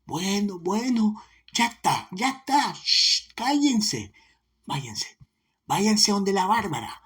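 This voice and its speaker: A man's voice: sits high, big pitch swings, slow, husky, voice pushed up, full character voice. A man doing an old peasant father, soothing. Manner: soothing, hushing.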